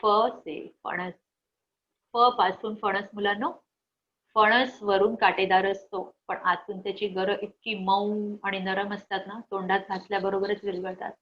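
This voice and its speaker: A woman's voice: mid-range voice, little pitch movement, measured pace, lo-fi sound. A woman teaching young children a picture vocabulary lesson, stretching out words in a sing-song way and talking to them enthusiastically. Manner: warm, enthusiastic addressing of children. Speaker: primary school teacher.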